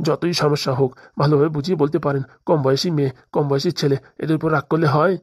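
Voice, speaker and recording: A woman's voice: low-pitched, steady tone, quick pace, darkish tone, slightly rough, no room sound, studio quality, pitched below the performer's own voice. A woman voicing a fretful middle-aged father who pleads at length for his only daughter in a cartoon. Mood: aggrieved. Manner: pleading, rambling complaints. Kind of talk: cartoon voice acting.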